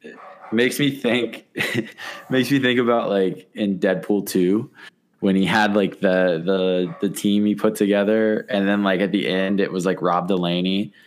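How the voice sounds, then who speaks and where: Low-voiced man in relaxed podcast chat. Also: unhurried. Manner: relaxed, amused, thinks aloud. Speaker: podcast co-host.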